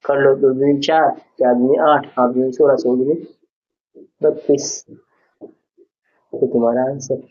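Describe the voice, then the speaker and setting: Slightly slow and pausing often, a man with a medium-pitched, darkish voice and little pitch movement teaches a school maths lesson. He patiently walks through each step and repeats his questions to the class; the sound is dull and lo-fi.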